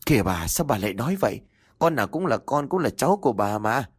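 A humble older village midwife who addresses her mistress with quiet deference, as a male storyteller voices her. She stays close to his own voice, with lively rises and falls in pitch and a dry, close sound. She belongs to a spoken audio story. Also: quick pace, breathy edge, no echo. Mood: deferential.

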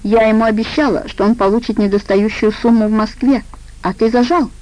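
A woman's voice: on the high side, fairly even intonation, brisk, a little mellow, natural voice, rough recording. A woman reading an audiobook voices a domineering, rude woman boss who speaks curtly and harshly, with a commanding tone. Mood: angry.

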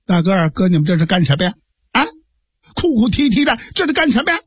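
A shrewd, fretful sworn brother from an old storytelling tale, acted by a male storyteller, voice pitched up high and pressing hard. His words come quick and insistent, earnest and pleading, the sound husky and close and dry. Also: big pitch swings, no echo, full character voice. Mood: agitated. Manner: raised, rapid, insistent pleading.

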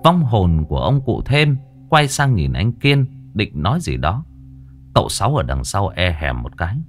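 A man narrating a ghost story in a dramatic, expressive way. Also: low-pitched, normal speed, soft background music.

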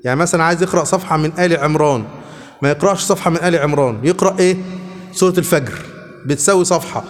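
A man's voice: on the high side, very fast, long reverb tail. A man with an Egyptian accent teaching a religious lesson as a sheikh, often asking his students questions. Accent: Egyptian Arabic.

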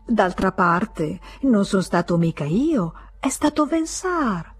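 A woman reading an audiobook voices a scheming male merchant-moneylender, sly and cold, with a drawn-out, falsely polite, mocking manner. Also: mid-range voice, very animated, husky, faint music behind, heavily acted.

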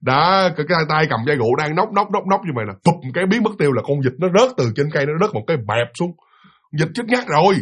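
A man with a Southern Vietnamese accent tells a ghost story in a lively, animated way, addressing his listeners directly. His voice sits on the high side, and he talks fast.

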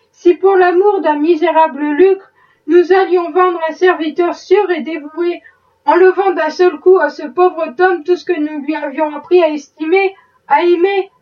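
A woman reading the part of a pious, indignant plantation wife, pleading in earnest. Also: sits high. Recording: muffled, distant mic.

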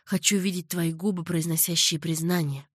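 A woman voicing a passionate young nobleman who is in love, speaking low, hushed and earnest. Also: fairly even intonation, normal speed, breathy edge, dry recording, studio quality. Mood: anguished.

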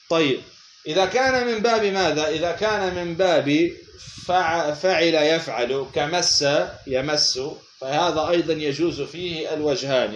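A man giving a lesson on a grammar text, asking questions and then answering them himself, repeating words slowly. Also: a little high, reverberant, highs cut off, slight background noise. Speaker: teacher of Arabic morphology.

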